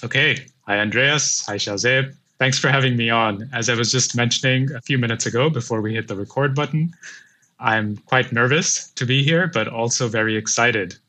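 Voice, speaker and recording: A man from Pakistan in his thirties appears as a guest on an interview podcast. His voice is bright and forceful, and he tells his story in a measured, reflective way. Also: mid-range voice. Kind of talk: casual interview.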